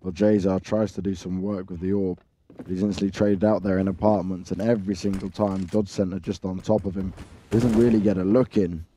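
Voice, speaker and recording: A man's voice: low-pitched, flat delivery, brisk, mellow. A man giving live play-by-play commentary on an esports match. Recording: faint noise, clicks and game gunfire.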